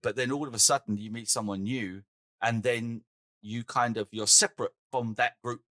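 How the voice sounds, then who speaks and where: Animated English-born man, bright voice. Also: mid-range voice, normal speed, no echo, clean studio sound. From England. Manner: animated, swears and laughs easily. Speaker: podcast co-host. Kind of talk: casual chat.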